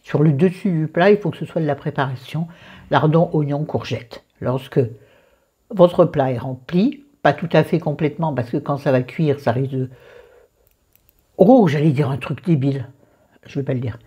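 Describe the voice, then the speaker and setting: A woman's voice: low voice, moderate pace, slightly rough, highs cut off. A woman casually walking viewers through a recipe, chatty and digressive, with joking asides to herself. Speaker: cooking vlogger.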